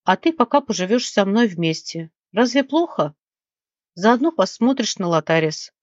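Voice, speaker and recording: A woman reading an audiobook and voicing a kind, quick-tempered young heroine who speaks earnestly and consolingly. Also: mid-range voice, animated, darkish tone, dry recording, lightly acted. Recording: dull, dry lo-fi recording.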